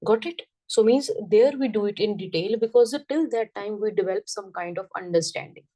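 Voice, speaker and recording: A woman teaching a French lesson, repeating each word slowly and often checking that the class understands. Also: mid-range voice, warm tone, far from the mic, low-quality recording. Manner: patient, checks understanding with "got it?".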